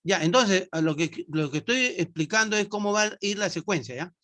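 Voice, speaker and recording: Teaching English to nursing students in an online class, a man speaks in a high, sharp, expressive voice at a fairly quick clip. He is patient and repeats himself, regularly using tag questions to make sure everyone is keeping up.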